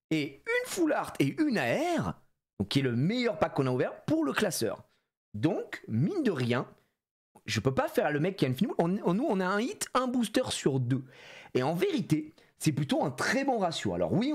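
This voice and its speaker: Excitable French-speaking male streamer. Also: a little high. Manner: excitable, swears, shouts when disappointed; animated, playful banter with chat. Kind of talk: live card-opening stream.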